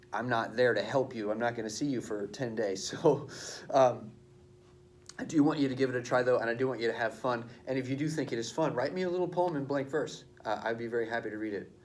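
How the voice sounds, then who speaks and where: A male teacher recording a video lesson for his students, explaining verse slowly and stressing syllables aloud. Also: medium pitch.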